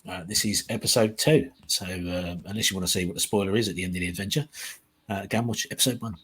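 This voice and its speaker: A man's voice: deep voice, fairly even intonation, fast talker, a bit bright. A man hosting a casual tabletop game livestream as game master. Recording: clearly noisy background.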